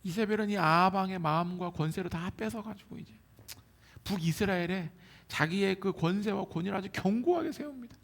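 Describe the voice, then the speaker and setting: A man preaching with a high, gravelly voice that swings widely in pitch. He talks in a casual, animated way and keeps slipping into the voices of the people in his examples. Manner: animated, colloquial preaching that acts out quoted voices. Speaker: pastor. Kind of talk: sermon. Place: church hall.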